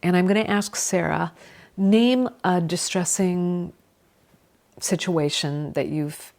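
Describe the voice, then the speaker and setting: A woman leading a calm grounding exercise, giving gentle, measured instructions as the guide. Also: lowish voice.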